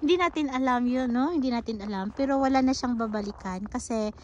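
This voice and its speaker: Middle-aged woman from the Philippines, fairly high voice, chatty and heartfelt vlogger, slightly muffled outdoor recording. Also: brisk. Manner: heartfelt, chatty, mixes English into her talk, laughs often. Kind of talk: casual personal vlog talk. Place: outdoors at a snowy dog park. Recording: slightly dull, faint outdoor noise.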